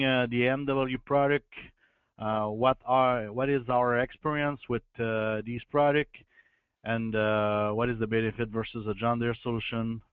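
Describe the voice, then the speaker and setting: Man, French accent, native French, guest presenter on a webinar; halting delivery, smooth tone, phone-quality audio. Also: mid-range voice, no echo. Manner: halting, searching for English words. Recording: tinny phone-line audio.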